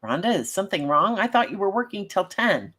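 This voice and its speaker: A woman's voice: mid-range voice, very animated, brisk, a bit bright. A woman voicing a young female college freshman, read aloud in a plain voice. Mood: puzzled.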